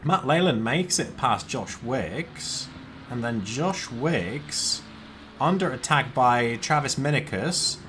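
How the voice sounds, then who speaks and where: A man's voice: medium pitch, animated, slow pace, a bit bright, slight background noise. A man commentating a sim race in a casual, jokey way. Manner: jokey, swears, laughs between calls.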